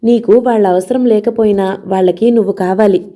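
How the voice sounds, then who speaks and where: A woman's voice: medium pitch, steady tone, moderate pace, warm tone, close to an everyday voice. A woman voicing a domineering middle-aged man who harshly scolds and threatens his younger brother in an audio novel. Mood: scolding.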